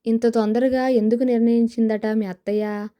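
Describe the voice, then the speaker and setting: A woman's voice: fairly high pitch, little pitch movement, normal speed, dark tone, natural voice. A woman voicing a scheming young woman who coaxes her friend with persuasive talk, in an audio novel. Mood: coaxing. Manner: coaxing, persuasive.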